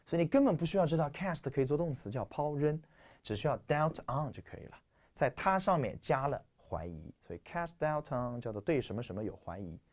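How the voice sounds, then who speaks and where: A man from China lecturing on English vocabulary, with a stuffy nose. His pitch swings widely as he talks, and he keeps posing rhetorical questions to the class. The delivery is animated. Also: brisk. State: stuffy nose, clearing throat.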